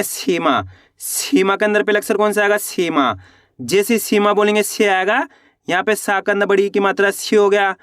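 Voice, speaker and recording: A man teaching a reading lesson, spelling words out slowly syllable by syllable, asking questions and then answering them himself. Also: high-pitched, fairly bright tone, no room sound, studio quality. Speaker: Hindi teacher.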